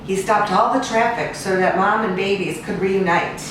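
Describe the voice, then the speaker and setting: At a medium pitch, an American woman who investigates animal cruelty and rescues animals reads a children's storybook aloud. She reads expressively in a sing-song way, drawing out repeated lists. The echoey indoor room and her distance from the mic make the recording very reverberant and hissy.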